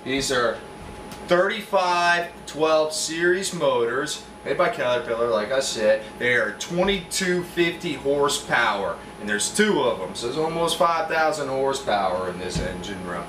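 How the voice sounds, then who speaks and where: A man's voice: medium pitch, a little slow. A man working as a marine mechanic, explaining an engine repair in a casual, plain-spoken how-to walkthrough. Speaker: marine mechanic showing his work. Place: yacht engine room, indoors. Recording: echoey engine room, distant from mic, steady machine hum.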